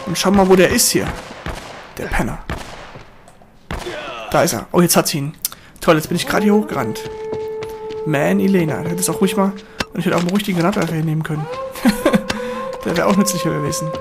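A man giving excitable gameplay commentary, swearing at enemies and cheering himself on. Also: high voice, a little fast, vocal fry, long pauses. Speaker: let's player. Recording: voice over game music and gunfire.

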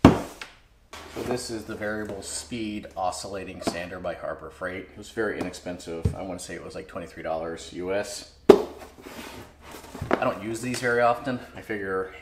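Low-pitched and moderately paced, a man in his forties runs a relaxed tool review vlog for his woodworking channel. He muses aloud with frequent fillers. The camera mic captures his home garage workshop, which echoes and carries loud background noise.

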